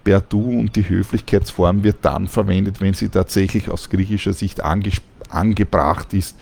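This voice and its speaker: Male language teacher, deep and gravelly, calm explanatory delivery. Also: normal speed. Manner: calm, explanatory, with frequent fillers. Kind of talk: explaining Greek pronunciation.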